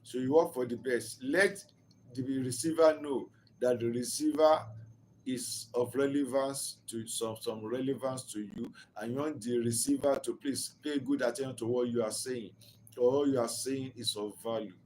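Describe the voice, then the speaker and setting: A relationship speaker delivers an earnest, instructive motivational talk, repeating key phrases and asking rhetorical questions. His mid-range voice is a little mellow, with fairly even intonation and normal speed, on a rough recording with slight hiss or hum.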